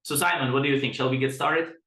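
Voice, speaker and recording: A man's voice: medium pitch, steady tone, fast, pushed and bright, roomy sound. A man from the Czech Republic giving a webinar presentation as a product director, chatty and self-deprecating, often restarting his sentences.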